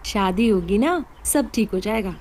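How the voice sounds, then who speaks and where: A woman's voice: mid-range voice, animated, a little slow, darkish tone. Blunt elder woman.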